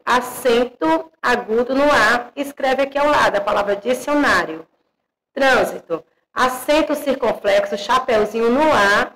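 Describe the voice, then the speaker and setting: A woman teacher with a Brazilian Portuguese accent talks slowly and patiently through an online class, spelling out each accent mark. Her voice sits a little high and has a gravelly, creaky edge. She keeps checking in with the young pupils as she goes. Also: rough recording. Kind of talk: online class, correcting exercises.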